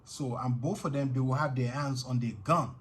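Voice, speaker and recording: A man's voice: mid-range voice, steady tone, normal speed, slight background noise. A middle-aged Nigerian man with a Nigerian accent, telling a personal story to camera in an earnest way, with frequent "you know" fillers. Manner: earnest, frequent "you know" fillers, grows intense when reliving danger. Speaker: vlogger.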